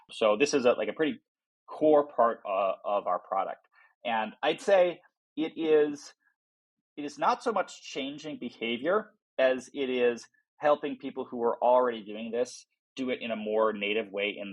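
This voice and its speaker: Speaking with a breathy edge at medium pitch, a man who founded a software company answers podcast interview questions about his product in a casual, explanatory way. He keeps slipping in imagined quotes, and the recording is rough.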